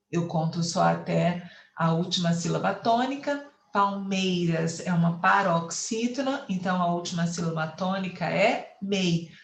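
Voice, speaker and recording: Her voice is on the low side and creaky, heard in a roomy space. She's a Brazilian teacher with a Brazilian Portuguese accent, giving an online class lecture, explaining patiently and counting syllables out loud.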